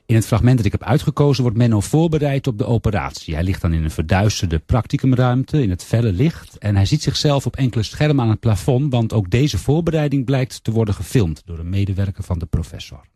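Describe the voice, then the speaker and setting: A man reads a first-person story aloud in a low voice. His tone is dark and warm with a husky grain. The sound is dry and close. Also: animated, fairly quick, few pauses, no echo. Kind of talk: reading an erotic story aloud.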